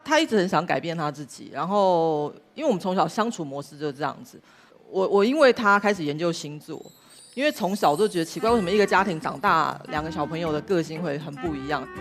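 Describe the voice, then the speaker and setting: A woman guest tells a personal story candidly, sometimes jumping high when she acts out her own outbursts. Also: animated, fast talker, soft background music. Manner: candid, acts out quoted outbursts with sudden high bursts and laughs. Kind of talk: emotional personal storytelling on a talk show.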